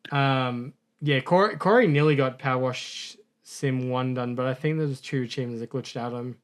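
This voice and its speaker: A man co-hosting a gaming podcast tells a rambling, relaxed story, laughing at his mistakes and correcting himself along the way. His voice is medium-pitched and smooth at a normal speed.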